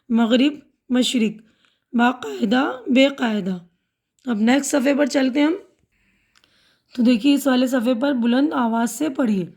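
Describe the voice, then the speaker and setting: A woman's voice: high voice, darkish tone. A woman teacher patiently walking students through a school lesson, repeating and explaining each word. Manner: patient, repeats and glosses words.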